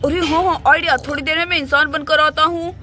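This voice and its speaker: A woman voicing a sneaky male kidnapper thief disguised in a rabbit costume, speaking in a lowered, gruff voice. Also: steady tone, fast talker, sharp tone, slight background noise. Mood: scheming. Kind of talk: doll-play story voice acting.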